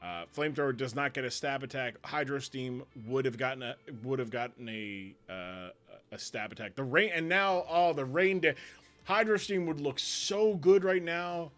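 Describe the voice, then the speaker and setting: A man hosting a live stream, commentating matches in a rambling, excitable way and laughing often. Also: mid-range voice, moderate pace, faint music behind. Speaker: league commissioner and host.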